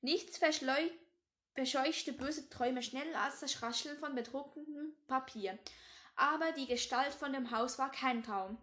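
Reading a novel aloud at an unhurried pace, a teenage girl speaks in a high voice with a fairly bright tone. She occasionally trips on words and goes back to fix them, chatting loosely with her listeners in between passages.

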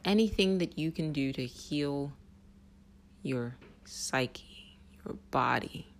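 Vlogger, spiritual monologue, intense, casual swearing, sudden soft whispers. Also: medium pitch, animated, slow pace. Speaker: self-help vlogger.

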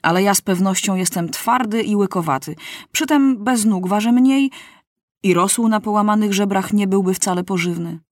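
A woman voicing a legless, one-eyed male pilot in a storybook reading, calm and dryly joking. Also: medium pitch, normal speed, no echo, clean studio sound, natural voice. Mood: jovial. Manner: deadpan gallows humor.

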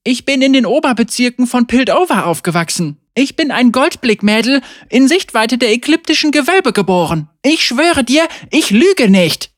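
A desperate young apprentice woman, played by a female narrator pleads and sobs in a high, strained voice that sits well above the reader's own. Her pitch leaps around. The storybook reading is close and dry. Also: sing-song, normal speed, few pauses, no room sound. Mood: defiant.

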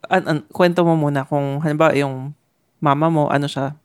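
A podcast co-host from the Philippines, chatting casually with short replies and soft interjections. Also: mid-range voice, steady tone, normal speed, clear, resonant tone, dry recording, studio quality. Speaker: co-host, spouse of host.

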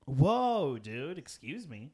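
A man's voice: on the high side, big pitch swings, slow pace, dark tone, husky. A man co-hosting a podcast, chatting casually and exclaiming and swearing as he reacts to a film. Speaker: podcast co-host. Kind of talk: casual chat while watching a movie.

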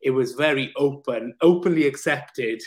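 A man's voice: mid-range voice, normal speed. Candid man telling a personal story. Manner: open, emotional, casually swearing, many fillers and restarts. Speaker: podcast guest, personal trainer and counsellor.

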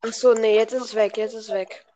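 A woman playing a shooter game with a friend, chatting casually and blurting out short excited exclamations. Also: a little high, fast talker, highs cut off, a little hiss or hum. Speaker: gamer. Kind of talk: casual gaming chat.

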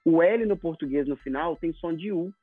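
A Brazilian man with a fairly high voice teaches English pronunciation at a moderate pace in a casual interview, acting out example dialogues. The dry recording sounds tinny and phone-like, with faint music behind.

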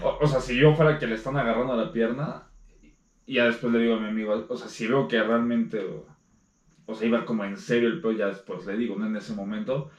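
A young man with a Mexican accent in casual chat, laid-back and slangy, giving his views at a measured pace. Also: mid-range voice, flat delivery, highs cut off. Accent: Mexican Spanish. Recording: roomy, distant mic.

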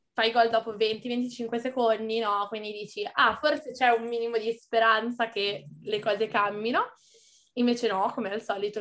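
A woman's voice: fairly high pitch, a bit bright. An Italian woman giving casual, blunt opinions as a guest on a football show. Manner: blunt, informal.

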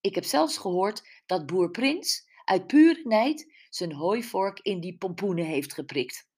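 A woman playing a fussy older mother, grumbling, scolding, slow storybook reading. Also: medium pitch, lively intonation, darkish tone, breathy edge. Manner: scolding, complaining.

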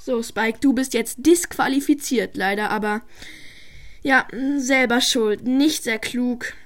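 A woman's voice: a little high, slow pace. Girl doing a patient schoolteacher. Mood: scolding. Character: patient female class teacher.

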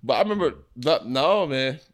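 A young man co-hosting a podcast, telling stories in an excitable, laughing way. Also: mid-range voice, moderate pace. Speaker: podcast co-host. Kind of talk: casual chat.

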